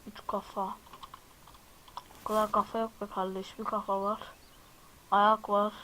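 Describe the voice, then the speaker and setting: A gaming video host gives casual let's-play commentary, talking to his viewers and exclaiming whenever something startles him. His voice sits high and is monotone, with a measured pace and a sharp tone. The recording is low quality, with slight background noise.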